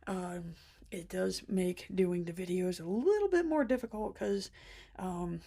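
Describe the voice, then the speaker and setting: A woman's voice: lowish voice, a little slow, creaky, warm tone. A woman vlogger chatting casually to camera, laughing often and short of breath after being sick. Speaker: planner vlogger.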